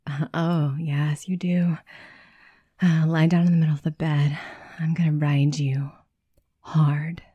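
A young adult woman in an intimate audio roleplay, speaking in a breathy, often whispered voice with slow, sighing delivery. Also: deep voice, flat delivery, dry recording, muffled recording.

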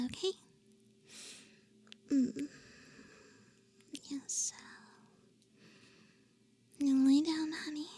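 This audio roleplay performer is a young woman with a high voice who whispers to the listener. She sounds gentle, playful, and fond, letting small breathy hums slip in between her phrases.

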